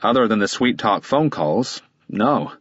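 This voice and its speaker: A guarded middle-aged lawyer answers in short, impatient bursts, as a man puts him on for an audiobook. The voice sits a little higher than the reader's own and stays husky. The sound is dry and slightly muffled. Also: expressive, a little slow, fairly bright tone, no echo, exaggerated voice. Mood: defensive.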